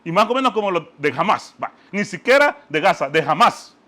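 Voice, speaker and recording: A man giving animated, emphatic commentary on scripture, often stopping to ask "¿ah?". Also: high-pitched, brisk. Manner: lively, emphatic, asks "¿ah?" often.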